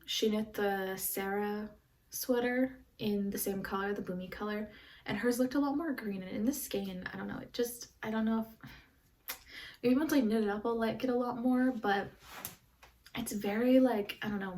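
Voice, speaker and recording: A woman's voice: medium pitch, darkish tone, recorded from a distance, a little hiss or hum. A woman vlogging casually about her knitting, rambling with lots of fillers and sounding stuffy from a runny nose. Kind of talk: casual show-and-tell chat.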